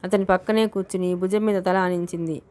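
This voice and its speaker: A woman narrating a novel in a steady, even reading manner. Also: fairly low pitch, fairly quick. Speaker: audiobook narrator.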